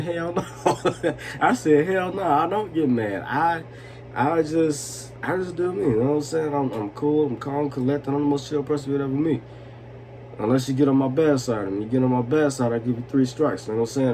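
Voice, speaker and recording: A man's voice: mid-range voice, a little fast, a little mellow, slight background noise. Tipsy cursing young man telling a story. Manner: profane and heated. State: tipsy from vodka. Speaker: vlogger. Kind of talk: drunk storytime monologue.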